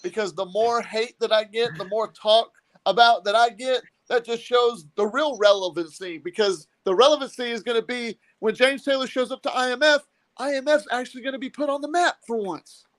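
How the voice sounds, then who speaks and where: A cocky man from Texas hands out sarcastic wrestling trash talk. His voice is high and recorded dry and close. He sounds smug and self-assured. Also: a little fast, no echo, rough recording. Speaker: wrestler, guest.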